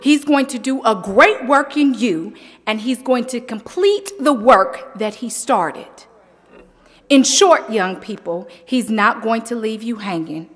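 A woman giving a sermon as the youth Sunday speaker, talking in a slow, deliberate preaching manner. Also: fairly high pitch, expressive, long reverb tail. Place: church.

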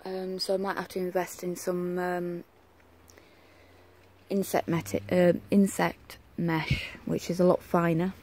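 A garden vlogger talking casually outdoors in a home vegetable garden. The speaker is unhurried and hesitant, with many ums, and records on a handheld camera while filming the plants. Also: mid-range voice, level tone, a little mellow.

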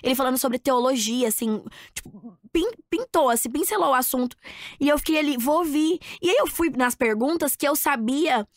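A Brazilian woman chatting as a podcast guest, telling an animated story and acting out what people said. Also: sits high, moderate pace, no room sound, clean studio sound. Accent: Brazilian Portuguese. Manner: animated storyteller, acts out quotes. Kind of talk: casual chat.

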